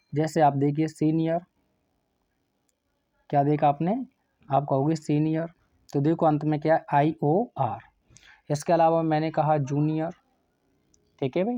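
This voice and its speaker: A man's voice: on the high side, mellow, dry recording. A man teaching English grammar for an exam, asking his students questions and then answering them himself. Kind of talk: exam-prep lesson. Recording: dry, slightly dull sound.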